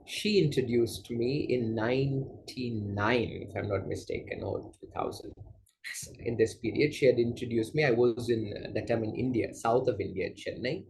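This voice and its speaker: A man from Malaysia, a yoga teacher, answering interview questions in a gentle, unhurried way with soft fillers. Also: medium pitch, creaky, a little hiss or hum, poor audio. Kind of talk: casual interview conversation.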